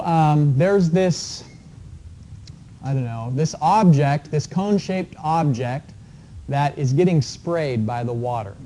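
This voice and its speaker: Mellow-voiced male engineering lecturer. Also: medium pitch, a little hiss or hum, rough recording. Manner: relaxed, explanatory, with frequent fillers. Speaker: engineering professor. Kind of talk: classroom lecture. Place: lecture classroom.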